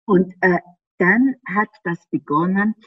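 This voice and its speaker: A lowish, breathy-edged voice belongs to an Austrian woman being interviewed, who takes her time as she explains things animatedly. She speaks with an Austrian German accent, laughs frequently, and throws in rhetorical questions. The audio is slightly dull and dry, without echo.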